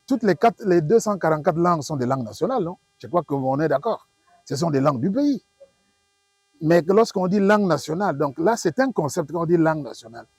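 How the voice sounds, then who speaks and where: With lively intonation and a fairly quick pace, a husky Congolese professor explains to an interview audience in a slightly high, darkish voice marked by a Congolese French accent. This male linguistics expert is didactic and emphatic, using rhetorical questions and repetition, and the recording is dry and close.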